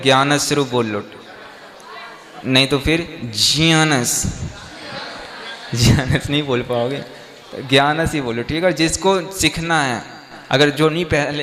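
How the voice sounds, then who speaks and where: A man, a Jain monk, teaching a Sanskrit hymn, correcting pronunciation and explaining the verse in a brisk conversational way. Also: mid-range voice, a bit bright, long reverb tail. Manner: slow drawn-out chanting, then brisk conversational explanation.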